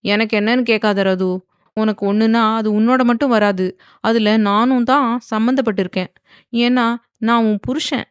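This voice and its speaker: A woman voicing a forceful, possessive young husband who speaks in a stern, commanding way in a storybook. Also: medium pitch, a little fast, no room sound, clean studio sound, lightly acted.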